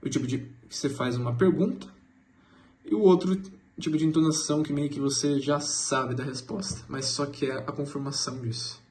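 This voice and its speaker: A man's voice: fairly high pitch, moderate pace, darkish tone, slight background noise. A man explaining English grammar in a loose, searching way, with many restarts. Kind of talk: explaining grammar in a class presentation.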